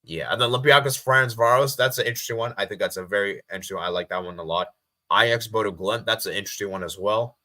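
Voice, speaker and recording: A man's voice: on the low side, racing, pushed and bright. An American man hosting a live stream, chatting casually and reading viewer comments aloud, often repeating himself. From USA.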